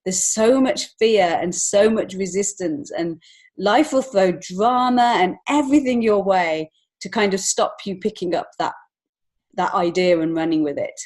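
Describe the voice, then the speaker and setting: A woman with a mid-range, darkish voice speaks unhurriedly as a podcast guest. She is a children's author and illustrator, and she talks in a reflective, conversational way, earnestly feeling her way through her phrases.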